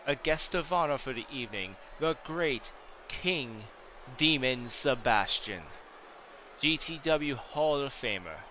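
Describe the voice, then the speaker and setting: A man playing an arrogant, boastful wrestling champion who talks down to his challenger with drawn-out emphasis. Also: mid-range voice, expressive, pushed and bright, slight background noise. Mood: boastful, commanding. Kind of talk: hobby wrestling storyline role-play.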